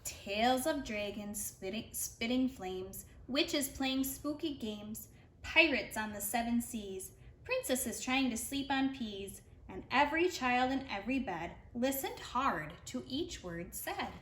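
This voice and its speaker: Her voice sits slightly high, with lively intonation and an unhurried rhythm, as she reads a rhyming picture book to preschool kids with expression. This read-aloud storyteller is heard in roomy audio with faint noise behind her.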